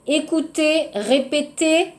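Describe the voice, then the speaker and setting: A woman teaching a French lesson to Korean learners, explaining slowly and adding Korean translations. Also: high voice. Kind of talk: classroom lesson.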